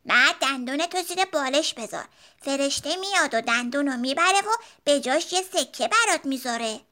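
A woman's voice: high-pitched, expressive, pushed and bright. A woman voicing a young boy bear cub who is a confident, teasing older brother.

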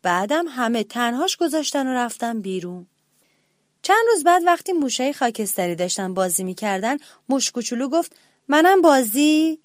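In a studio-quality recording with no room sound, a woman whose voice is a little high reads a children's story aloud. She's gentle and expressive and speaks straight to the listening children.

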